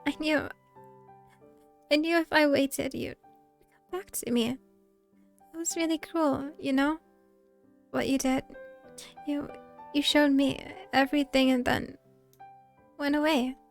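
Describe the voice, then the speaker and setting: A woman's voice: sits high, fairly even intonation, slow, long pauses, faint music behind, pitched above the performer's own voice. A woman voicing an obsessive young woman in a story game, breathless, clingy and pleading, at times sinking to a whisper. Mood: tearful adoring. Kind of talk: dramatic reading of a story game.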